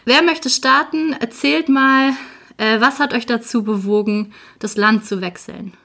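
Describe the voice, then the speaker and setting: A woman's voice: on the high side, measured pace, creaky, sharp tone. A woman hosting a casual interview podcast, asking questions in an upbeat, enthusiastic way. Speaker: podcast host.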